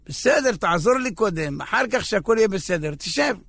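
Insistent house-proud wife, a man putting her on, raised and gravelly. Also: sits high, animated, fairly bright tone, no room sound, full character voice. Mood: pleading. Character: fussy demanding wife.

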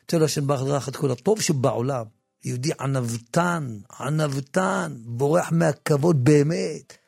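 A man giving an impassioned religious talk in a studio, often repeating and restarting words, swinging from a low murmur to loud, emphatic preaching. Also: creaky, slightly rough, no echo, soft background music. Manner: frequent repetitions and restarts. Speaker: religious teacher.

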